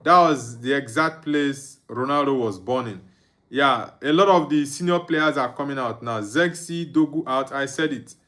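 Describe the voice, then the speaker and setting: Hosting a live football watchalong, a young Nigerian streamer talks at a normal pace in a fairly bright, mid-range voice. Between casual chatter he reads viewer comments out, lets out chuckles, and hums and sings under his breath.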